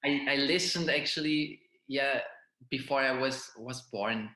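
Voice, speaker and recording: A young man from Belgium, a violinist, answering interview questions in a hesitant, halting way with many restarts. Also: medium pitch, bright, forceful tone. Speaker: violinist guest. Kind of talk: interview conversation. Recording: roomy echo.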